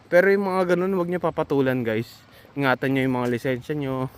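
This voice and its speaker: A man's voice: medium pitch, brisk, smooth. A Filipino man giving casual, earnest advice to fellow nurses in a vlog, reassuring and full of hesitant fillers.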